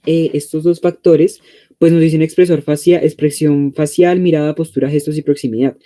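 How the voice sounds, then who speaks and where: Colombian male tutor, online class, dark mellow tone, chatty, keeps checking if students follow. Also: a little high. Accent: Colombian Spanish. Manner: conversational, frequent check-in questions. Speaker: teacher. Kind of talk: online exam-prep class.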